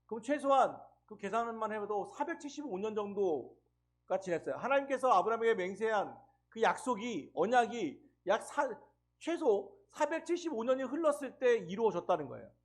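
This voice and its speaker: A middle-aged man preaching a sermon as pastor, telling stories and acting out quotes with lively emphasis. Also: high-pitched, moderate pace. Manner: storytelling with acted quotes, animated.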